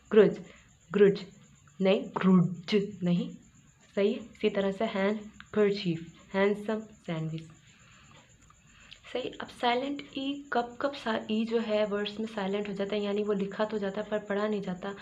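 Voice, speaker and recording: In a dull, slightly noisy recording, a woman from Pakistan gives an English grammar lesson. She has a mid-range, darkish-toned voice and keeps repeating words while asking and answering her own questions.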